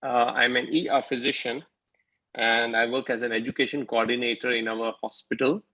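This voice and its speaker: A man's voice: mid-range voice, little pitch movement, normal speed, pushed and bright, poor audio. A man from the UAE, an emergency physician and educator, eagerly introducing himself on a video call.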